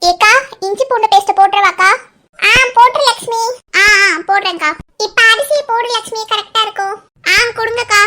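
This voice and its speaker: A woman's voice: a little fast, pushed and bright. A woman voicing chattering village women who squabble and scold while cooking in a cartoon comedy. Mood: busy. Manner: squeaky, bossy, scolding chatter.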